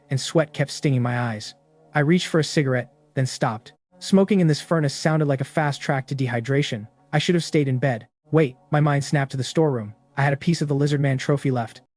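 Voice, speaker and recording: Man narrating a story recap. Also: on the high side. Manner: steady, matter-of-fact storytelling. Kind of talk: first-person scripted narration.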